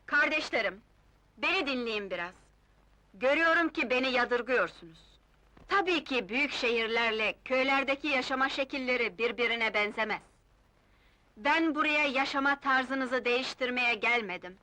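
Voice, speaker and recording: A woman's voice: sits high, lively intonation, normal speed, pushed and bright, no echo, low-quality recording. A woman playing an idealistic, kind young village schoolteacher in old film melodrama, speaking earnestly with careful, declamatory diction. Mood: earnest, resolute.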